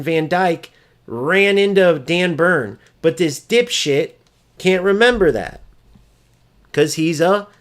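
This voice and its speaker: A man ranting over gameplay footage, exasperated, profane and mocking as he vents about an opponent. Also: sits high. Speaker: gaming streamer.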